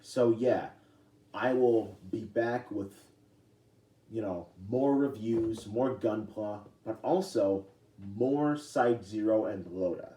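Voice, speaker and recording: A man's voice: on the low side, dark tone. Rambling young man in an echoey room. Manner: rambling, halting with many fillers and restarts. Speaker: vlogger. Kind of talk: casual talk to camera. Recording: echoey room, distant from mic.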